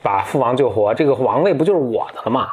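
A man's voice: mid-range voice, lively intonation, fast talker, darkish tone, slightly rough. A man voicing an arrogant, scheming eldest prince who talks curtly and dismissively. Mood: haughty. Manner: curt, dismissive.

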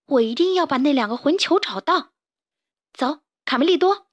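A woman's voice: sits high, expressive, moderate pace, no room sound, muffled recording, voice pushed up. Woman voicing a fiery little hen chick. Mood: angry. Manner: shouting, indignant. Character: fiery young hen chick, angry and bossy.

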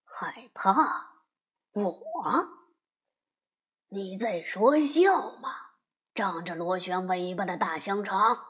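A woman's voice: slow, pauses often, fairly bright tone. Woman putting on a sneering big bad wolf. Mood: mocking. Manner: mocking, scornful, deep put-on voice. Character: sly boastful male big bad wolf. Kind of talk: storybook reading.

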